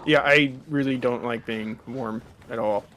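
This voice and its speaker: A man's voice: mid-range voice, unhurried, a bit bright, slight background noise. A man in his thirties from California chatting casually during a game, explaining things at length with plenty of fillers. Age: 30s. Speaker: let's play co-host. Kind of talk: casual gameplay chat.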